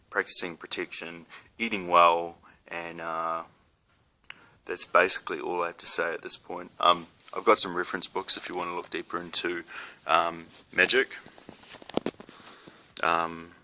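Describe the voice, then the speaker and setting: A young man with a New Zealand accent, a spiritual vlogger, talks casually to camera in a low, sharp-toned voice. He's hesitant, with many ums and restarts.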